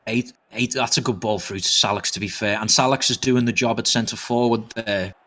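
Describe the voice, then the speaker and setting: A man doing fast live play-by-play commentary on an online soccer match, jumping up in excitement at goals and a little out of breath. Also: lowish voice. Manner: excitable, rapid, rises sharply on goals. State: slightly out of breath. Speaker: esports commentator.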